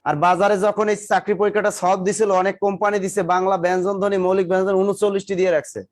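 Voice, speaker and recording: High-voiced man drilling a class. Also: level tone, very fast. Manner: drills students with repeated questions, teasing and scolding. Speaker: exam coaching teacher. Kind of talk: live classroom lecture.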